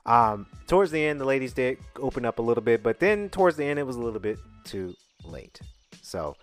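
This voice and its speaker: Podcast host, man in his late 20s, candid and rambling, animated pitch, faint music underneath. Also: brisk. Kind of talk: casual chat.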